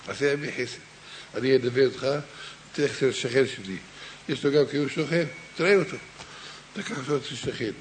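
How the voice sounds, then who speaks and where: A man preaching a Torah sermon and telling a parable, swinging between hushed and raised delivery, addressing his listeners directly. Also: on the high side, slight background noise.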